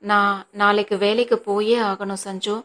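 Soft-spoken, reassuring husband, voiced by a woman narrator, flat audiobook read. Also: medium pitch, unhurried, close to an everyday voice. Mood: consoling. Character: gentle, reassuring young husband.

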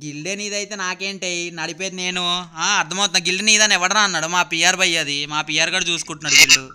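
A man's voice: high voice, very fast, pushed and bright, clean tone. A man with a Telugu accent, a gaming YouTuber teasing a clan mate over voice chat and talking to his viewers. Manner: teasing, provoking banter.

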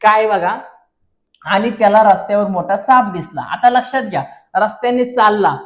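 A man's voice: sits high, moderate pace. A male teacher walking students through an exam paper, constantly asking rhetorical questions and calling viewers his friends. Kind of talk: exam paper walkthrough lesson.

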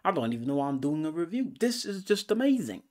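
A man giving a casual, excitable movie review, full of profanity and swinging between loud outbursts and hushed whispers. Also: a little high, fast.

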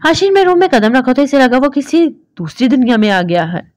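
Female narrator for a romance novel, highish voice, dry close recording. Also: big pitch swings, a little fast, a little mellow, no room sound. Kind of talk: reading a romance novel aloud.

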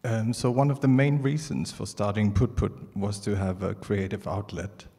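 A middle-aged Danish artist gives a prepared presentation at a conference on a large indoor theatre stage, speaking haltingly into a handheld mic. His fairly low voice is mellow and gravelly with fairly even intonation, and the auditorium is reverberant.

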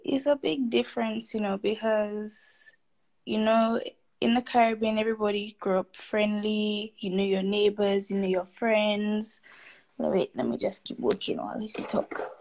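A woman's voice: medium pitch, fairly even intonation, measured pace, gravelly, a little mellow. A woman from Saint Lucia with a Saint Lucian accent, joining a live stream by phone and chatting frankly and easily. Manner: frank, easygoing, laughs easily. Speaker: caller. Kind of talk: casual chat. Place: indoors at home.

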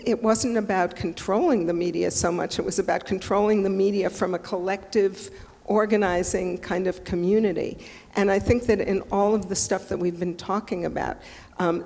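A woman's voice: medium pitch, darkish tone. An older woman activist on a panel, reflective and thinking aloud, with light laughter in her talk. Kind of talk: panel discussion. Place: museum event hall. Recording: long reverb of a large hall.

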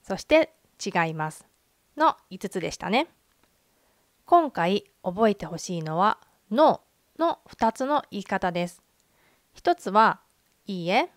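Woman teaching Japanese grammar, clear voice. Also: medium pitch, dry recording, studio quality. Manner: clear, measured explanations with English example phrases. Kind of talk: scripted online grammar lesson.

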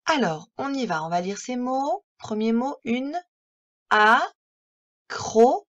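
A woman's voice: on the high side, animated, highs cut off. A woman teaching a reading lesson to young children, encouraging them and sounding out words syllable by syllable. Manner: slow, deliberate syllable-by-syllable pronunciation; gentle, encouraging tone addressing children. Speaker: primary school teacher.

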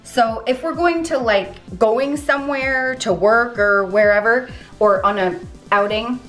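A woman's voice: fairly high pitch, a little slow, fairly bright tone. Chatty woman explaining recipes, light music. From Canada. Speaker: vlogger. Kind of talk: casual cooking vlog. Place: home kitchen, indoors.

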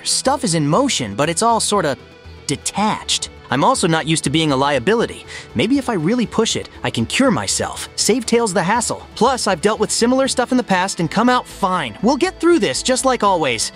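A man's voice: high-pitched, very animated, normal speed, a bit bright, faint music behind. A man voicing a cocky, casual young hedgehog hero in a comic dub, breezy and slangy. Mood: pensive.

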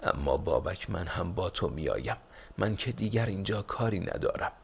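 A man voicing a grieving, pleading wife and mother in a storybook reading, raised higher than his own voice. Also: lively intonation, vocal fry, slightly rough, full character voice. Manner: pleading, protesting.

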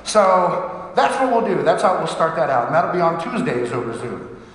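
A man's voice: fairly high pitch, lively intonation, moderate pace, a bit bright, a little hiss or hum. A man from Pittsburgh with a Pittsburgh accent, a priest leading prayers and giving chatty, self-deprecating announcements full of fillers in a church. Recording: echoey church with long reverb.

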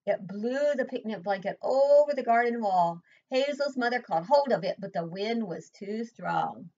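Recorded on a desk webcam with dull lo-fi sound, a fairly high-pitched older preschool teacher reads a picture book with expression in a room at home. She pauses now and then to quiz the children.

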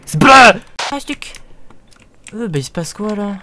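A man recording a casual let's-play commentary as a gaming YouTuber, joking with other players and breaking into loud shouts. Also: high voice, sing-song, moderate pace. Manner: joking banter with bursts of shouting.

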